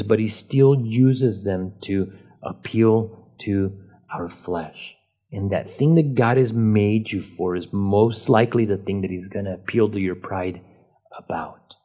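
A man's voice: medium pitch, mellow. A man preaching a sermon as pastor, leaning on key words and asking rhetorical questions.

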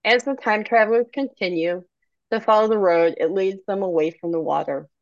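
A woman author reading her own novel aloud, narrating in an expressive storybook manner. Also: mid-range voice, moderate pace, no echo, lo-fi sound.

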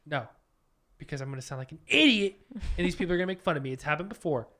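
A man's voice: a little high, lively intonation, rapid-fire, bright, forceful tone. A man co-hosting a casual podcast with his partner, rambling and joking about himself. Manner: rambling, self-deprecating, jokey. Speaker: podcast co-host. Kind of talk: casual couple chat.

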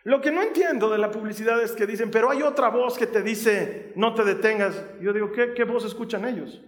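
A man preaching a sermon, asking the listeners questions and building to loud, fervent passages. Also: high-pitched, fairly quick. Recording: echoey hall with long reverb.

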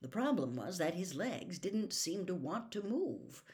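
A woman's voice: fairly low pitch, big pitch swings, unhurried, darkish tone. A woman reading a novel aloud as a storyteller, dramatic and dropping to a whisper for suspense.

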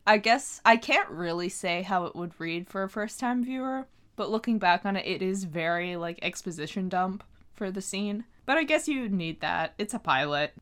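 A woman's voice: medium pitch, animated, moderate pace, few pauses, a bit bright. A woman co-hosting a podcast, chatting casually and animatedly as she recaps a TV episode and trails off into loose paraphrase. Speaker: podcast co-host.

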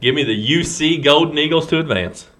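A man's voice: on the high side, fairly quick, fairly bright tone. A man co-hosting a casual sports podcast, joking, laughing often and reading out a friend's picks. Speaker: podcast co-host.

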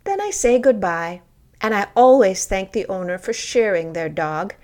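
A woman reading a scripted personal essay in a deliberate, expressive storytelling manner with pauses. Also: medium pitch.

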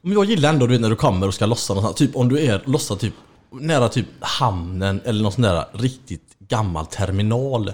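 A man co-hosting a casual podcast. He rambles and jokes, packing his talk with filler words. His pitch moves around a lot from line to line. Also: expressive, darkish tone. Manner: rambling and joking, many fillers like "liksom". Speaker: podcast co-host. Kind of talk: casual chat.

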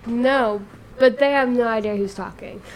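A woman's voice: a little high, moderate pace, a little hiss or hum, rough recording. A woman co-hosting a casual podcast, teasing and correcting her co-host.

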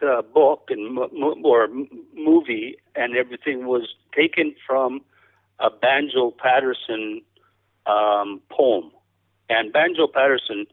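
A man chatting casually as an interview guest, a cowboy poet with a halting, rambling, folksy storytelling manner. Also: medium pitch. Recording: thin band-limited radio or phone-like sound.

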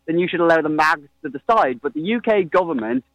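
A man with a fairly high voice in a heated debate. He sounds earnest and challenging as he presses his argument, recorded dry with little room sound. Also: animated, quick pace, gravelly, fairly bright tone, no echo, highs cut off. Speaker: climate activist guest.

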